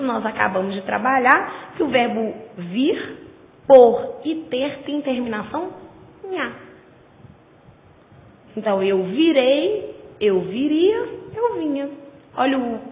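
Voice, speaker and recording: Professora de voz aguda e muito expressiva. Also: female voice, sits high. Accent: Brazilian Portuguese. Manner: stresses syllables by drawing words out slowly. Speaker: teacher. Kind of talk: grammar lecture. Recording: tinny, echoey lo-fi recording.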